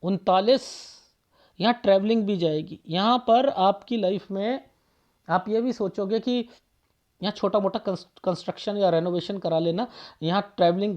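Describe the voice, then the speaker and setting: A man's voice: high-pitched, darkish tone, lo-fi sound. A man reading a palm aloud for viewers as a palmist, firing off rhetorical questions and repeating phrases for emphasis.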